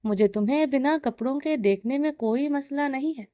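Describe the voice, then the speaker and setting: Storybook reading: woman voicing a taunting, domineering male mafia boss, high warm voice. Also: dry recording, clean studio sound, natural voice. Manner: taunting, commanding.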